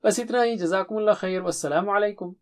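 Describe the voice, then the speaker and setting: A man, a Quran recitation teacher, gives a short recorded tajweed lesson in a clear, measured teaching voice. He slows into melodic recitation for his examples. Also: high voice.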